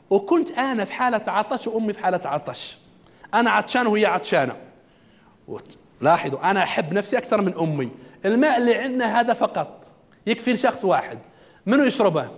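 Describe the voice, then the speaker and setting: Fast-talking male trainer. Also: high-pitched. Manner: asks the audience questions; religious quotations in the talk. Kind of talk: self-development lecture to a class.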